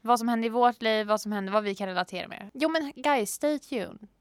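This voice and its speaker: A teenage girl co-hosting a casual podcast in a small studio, bubbly and giggly, swinging between loud and soft. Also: a little high, no room sound. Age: teens. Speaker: podcast co-host.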